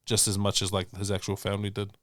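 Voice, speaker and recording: A man's voice: lowish voice, monotone, quick pace, a bit bright, no echo. A man hosting a casual podcast chat, rambling and swearing as he retells scenes. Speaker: podcast host.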